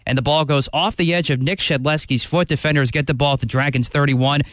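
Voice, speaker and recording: Smooth-voiced male radio sports host. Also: on the high side, fairly even intonation, brisk, fairly bright tone, no room sound, studio quality. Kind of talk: sports scores and highlights recap.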